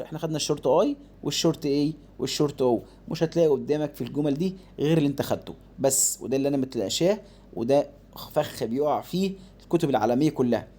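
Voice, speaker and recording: A man with an Egyptian accent teaching English phonics, explaining fast and then modeling words slowly. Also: medium pitch, mellow. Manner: shifts between rapid explanation and slow drawn-out modeling of words.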